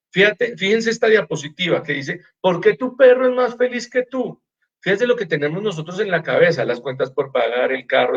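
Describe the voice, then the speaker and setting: A Colombian man lectures on wellness in an animated, storytelling way, dropping his voice to act out his patients' answers. His voice sits a little high for a man, and the recording sounds dull and muffled. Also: breathy edge. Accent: Colombian Spanish. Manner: animated storyteller, acts out patients' replies softly; repeats words while searching. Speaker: acupuncture doctor giving a wellness talk. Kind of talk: informal lecture with patient anecdotes.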